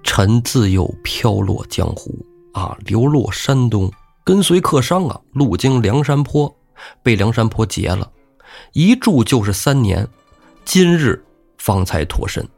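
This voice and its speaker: A man's voice: medium pitch, very animated, a little slow, vocal fry, darkish tone, soft background music, full character voice. A man voicing a humble, deferential young male servant in a storytelling show. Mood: pleading. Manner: earnest, deferential.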